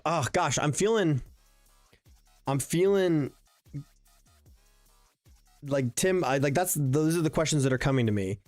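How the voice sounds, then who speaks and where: Chatty young man streaming a game. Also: mid-range voice. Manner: chatty and musing, thinks aloud with many fillers and restarts; answers viewers in chat. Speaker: streamer playing a modded block-building game. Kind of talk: casual live-stream gameplay commentary. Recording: faint background music under the voice.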